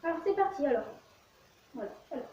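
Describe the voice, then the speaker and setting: A woman with an expressive, high-pitched voice talks fairly quickly, giving casual let's play commentary in short fragments as host of a gaming video. The sound is muffled, distant, very echoey and carries faint noise.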